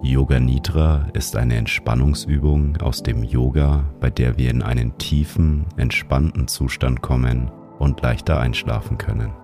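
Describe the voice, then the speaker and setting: A man narrates a guided sleep meditation in a soothing, calm manner, like a sleep-story narrator. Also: rumbling low, unhurried, hardly any pauses, over music. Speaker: meditation guide and show host.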